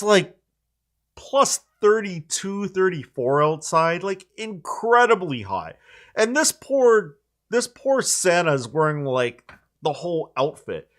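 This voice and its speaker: A man's voice: mid-range voice, a bit bright. Rambling man in his forties. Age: 40s. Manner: rambling, full of likes and restarts. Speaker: channel host. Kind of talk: casual chat.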